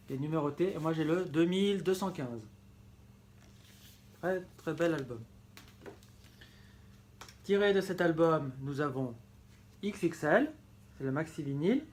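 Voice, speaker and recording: A man's voice: on the high side, a little mellow. A man presenting his vinyl collection in a casual vlog, enthusiastic and often correcting himself mid-sentence. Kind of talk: casual show-and-tell vlog.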